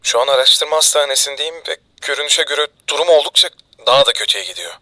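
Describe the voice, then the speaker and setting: A man's voice: a little high, expressive, quick pace, pushed and bright, dry recording, exaggerated voice. A man voicing a worried father on the phone. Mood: grave concerned. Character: worried father calling his son from a hospital. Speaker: dub actor. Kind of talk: amateur game dub.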